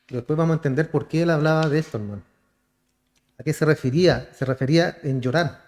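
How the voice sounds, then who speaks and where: Chilean pastor guy preaching, kinda high voice, keeps asking the church questions. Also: fast, darkish tone. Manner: calls the congregation brother, asks rhetorical questions. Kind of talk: sermon.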